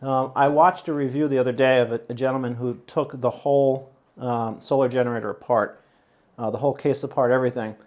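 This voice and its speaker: A man's voice: mid-range voice, steady tone, a little fast, darkish tone. A man with a mid-range voice chats his way through a product unboxing, loose and rambling. He fills his talk with "uh" and "um" and keeps circling back and restarting his sentences. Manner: rambling, chatty, many fillers and restarts. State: out of breath. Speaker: YouTube channel host. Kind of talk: casual unboxing and product review.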